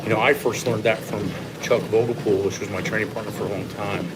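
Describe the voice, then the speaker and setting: A man who coaches fitness, talking casually to livestream viewers in a measured, opinionated way while walking on an incline treadmill. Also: lowish voice. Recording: loud steady treadmill machine noise. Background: treadmill running noise.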